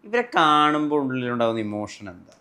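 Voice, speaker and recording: A man's voice: mid-range voice, very animated, fairly quick, bright, forceful tone. A man interviewing a guest, asking short questions and murmuring along as he listens.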